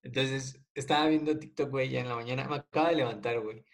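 A young man with a Mexican Spanish accent hosts a laid-back podcast with a friend. He jokes and swears casually and tells stories with animated energy. His voice sits in the middle range. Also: medium pitch, fast, vocal fry. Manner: joking, slangy, animated storytelling. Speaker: podcast host.

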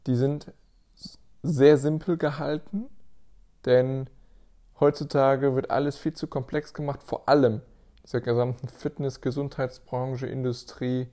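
Dark-voiced German man, motivational podcaster. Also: medium pitch, fairly even intonation, a little slow. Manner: earnest, motivational, addresses listener directly, many restarts. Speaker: podcast host, personal trainer and physiotherapist. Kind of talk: casual solo podcast monologue.

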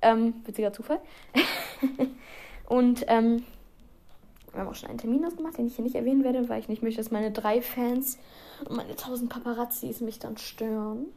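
A teenage girl talks on her own podcast in a loose, chatty way. Her voice sits a little high, and she drifts between topics with self-mocking asides and small giggles. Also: fairly even intonation, moderate pace, a little mellow. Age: teens. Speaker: podcast host. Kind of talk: casual solo podcast chat.

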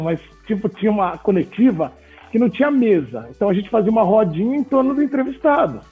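Guy telling funny old stories, high-pitched and kinda husky, sounds like over a phone line. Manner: animated, laughing anecdotes. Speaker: sports journalist guest. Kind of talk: casual storytelling in an interview. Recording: tinny phone-like audio with faint music.

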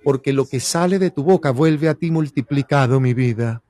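A man's voice: medium pitch, moderate pace, dark tone, no room sound. A man with a Venezuelan accent, an actor giving a playful motivational talk and acting out little quoted voices. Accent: Venezuelan Spanish.

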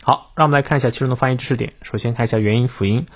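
A man giving a morning English lesson in Mandarin, explaining a quote phrase by phrase and reading the English lines slowly and carefully, with frequent fillers. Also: medium pitch. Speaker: English teacher.

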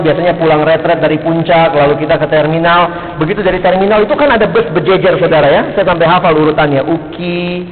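Middle-aged male preacher, high voice, emphatic peaks and low asides, echoey hall, thin lo-fi sound. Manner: rises to emphatic peaks and drops low, acts out street characters. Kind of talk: sermon. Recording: echoey hall, phone-like band.

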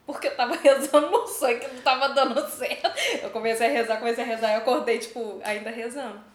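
A woman in a casual chat, expressive and quick to react. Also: on the high side. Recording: roomy echo.

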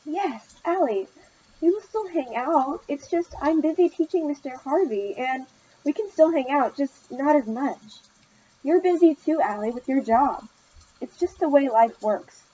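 A patient, gentle sign-language teacher, as a woman reading a story puts her on. She sounds a little higher and softer than the narration. The audio is muffled, with a faint background hiss. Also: expressive, measured pace. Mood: gentle, apologetic. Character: kind, busy older female sign-language teacher.

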